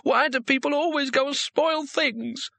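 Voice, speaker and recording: A man's voice: very high-pitched, a little slow, gravelly, bright, forceful tone, no room sound, pitched above the performer's own voice, full character voice. A man voicing a tearful, resentful young woman who snaps and complains sulkily. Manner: snappish, sulky complaining.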